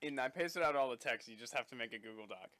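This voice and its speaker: A man playing a tabletop game, teasing the others in a deadpan way. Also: mid-range voice, fast, dry recording. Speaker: player. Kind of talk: casual chat at a tabletop game.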